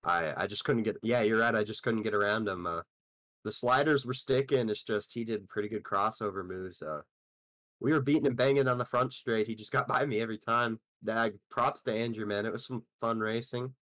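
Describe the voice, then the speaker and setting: A man driver giving a relaxed, halting post-race interview. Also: on the low side, dry recording. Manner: relaxed, halting, plain-spoken. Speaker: sim racing driver interviewed after a race.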